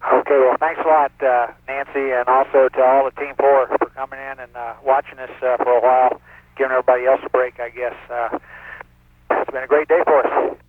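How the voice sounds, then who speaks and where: Easygoing astronaut calling down from orbit; thin, crackly radio transmission with a clipped, phone-narrow sound. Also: male voice, medium pitch, flat delivery, fairly quick, no echo. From northwest Florida, US. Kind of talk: space-to-ground radio talk. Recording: tinny narrow-band radio downlink.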